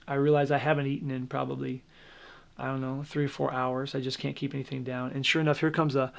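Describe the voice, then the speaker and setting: A pastor telling his story in a documentary interview, candid and halting, often restarting his sentences. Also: mid-range voice, little pitch movement, vocal fry.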